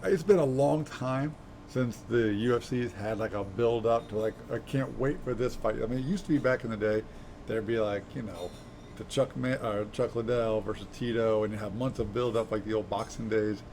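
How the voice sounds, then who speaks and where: A man's voice: on the low side, moderate pace, a little mellow, slight background noise. A man co-hosting a sports talk show, chatty and teasing, full of fillers. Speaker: sports radio co-host.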